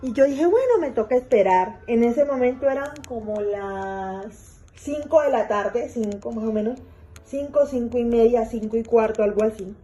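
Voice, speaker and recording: A woman's voice: a little high, moderate pace, dark tone. Rambling woman telling a story. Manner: rambling, repeats herself, many fillers. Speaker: vlogger telling a personal story. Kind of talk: casual storytelling monologue.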